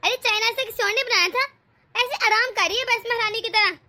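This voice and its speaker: A woman's voice: extremely high pitch, brisk, bright, forceful tone, a little hiss or hum, exaggerated voice. A woman voicing a harsh, sarcastic older mother-in-law in a cartoon story. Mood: scolding. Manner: taunting, sarcastic. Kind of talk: cartoon voice acting.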